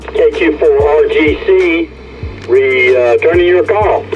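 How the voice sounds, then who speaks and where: A man, a ham radio operator heard over a handheld radio link, talking haltingly with many fillers and restarts. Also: on the high side, over music. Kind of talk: radio contact chat. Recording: muffled radio reception.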